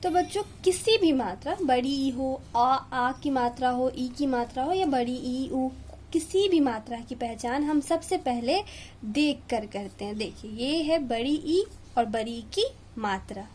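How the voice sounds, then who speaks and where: Young teacher lady doing a kids hindi lesson, slow and drawn out, faint room hiss behind. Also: high-pitched, animated, a little mellow. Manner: drawn-out, stressed pronunciation of syllables for children. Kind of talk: slow classroom video lesson.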